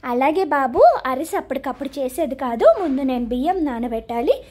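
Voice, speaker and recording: A woman's voice: sits high, a little fast, darkish tone, voice pushed down. A woman voicing a kind mother in a children's story who soothes and sometimes scolds her son. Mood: soothing. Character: patient mother, kind but quickly scolding.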